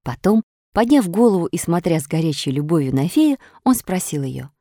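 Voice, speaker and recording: Low-voiced woman reading a storybook. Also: very animated, moderate pace, warm tone, no room sound, studio quality. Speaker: audiobook narrator.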